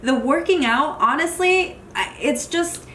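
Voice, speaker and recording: A woman's voice: sits high, animated, a little slow, sharp tone, a little hiss or hum. A woman fitness vlogger chatting casually at home as she shows her workout gear. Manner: chatty, loose and friendly, with many fillers. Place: home workout corner indoors.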